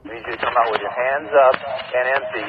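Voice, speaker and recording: A man speaks through a megaphone as a police officer, giving the same slow commands again and again at an apartment complex. His voice sits in a middle range and comes through dull and muffled, as scanner audio does. Loud outdoor noise runs behind him. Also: mid-range voice, steady tone.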